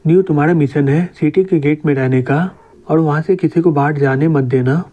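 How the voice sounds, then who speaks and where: A man reading the part of a calm, confident young male city lord in a comic recap. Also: a little high, normal speed, natural voice. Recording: dull lo-fi recording.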